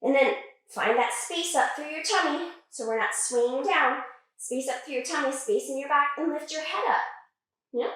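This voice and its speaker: A woman's voice: high-pitched, normal speed, a bit bright. A woman leading a children's yoga class in a playful, sing-song way, cueing poses and making animal sounds. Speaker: kids' yoga teacher. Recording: echoey room, voice from a distance.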